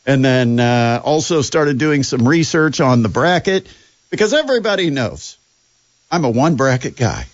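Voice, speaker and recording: A man's voice: medium pitch, sing-song, moderate pace, dry recording, lo-fi sound. A man hosting a sports radio show, talking casually with sarcasm and plenty of fillers. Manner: sarcastic, chatty, lots of fillers.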